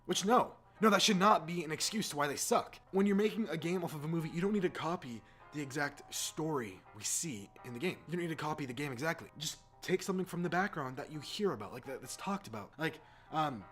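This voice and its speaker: A gaming video host rants casually and with exasperation, swearing freely as he airs his opinions to the mic. His voice is on the high side, animated and a bit bright, moving quickly with hardly any pauses, and music plays underneath.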